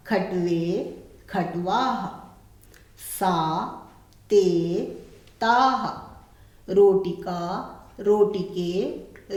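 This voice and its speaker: A woman teacher explains a textbook lesson at an unhurried pace, repeating each word form clearly. Her voice sits at a middle pitch and rings in an echoey room. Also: darkish tone. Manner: slow, deliberate, repeats word forms one by one. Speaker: Sanskrit teacher.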